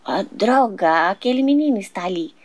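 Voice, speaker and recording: A woman's voice: mid-range voice, expressive, normal speed, pitched below the performer's own voice, close to an everyday voice. A woman voicing a sneaky, lovesick grown man who mutters his plans to himself in a toy doll soap opera. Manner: whispering to himself, scheming.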